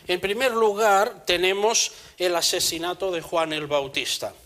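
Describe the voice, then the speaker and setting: Earnest Spanish preacher, slightly high voice. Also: male voice, steady tone, fairly bright tone, rough recording. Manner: measured, earnest, reads scripture aloud. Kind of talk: sermon with scripture reading.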